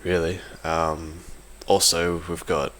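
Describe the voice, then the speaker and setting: A competitive gaming team member talks slowly through a casual, unscripted audio log, offering opinions. His voice sits low and mostly flat but has a bright, forward edge. He sounds hesitant and informal, rewording as he goes against some background noise.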